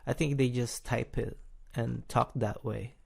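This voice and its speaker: A man's voice: mid-range voice, fairly even intonation, a little slow, vocal fry, a little mellow. A man hosting a casual podcast chat, talking hesitantly with frequent fillers and restarts and chuckling as he talks. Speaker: podcast host.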